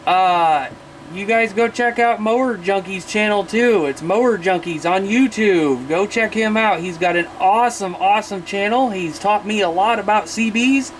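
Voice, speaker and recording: An American man with a high voice chats enthusiastically as a CB radio operator, talking both to fellow operators and to his viewers at normal speed. The recording is low quality with slight background noise.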